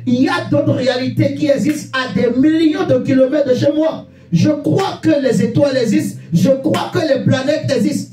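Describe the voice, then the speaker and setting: A man with a very high, mellow voice preaches a sermon emphatically and exhortingly, repeating phrases and posing rhetorical questions to his listeners. It's recorded from a distant mic in an echoey room with faint music.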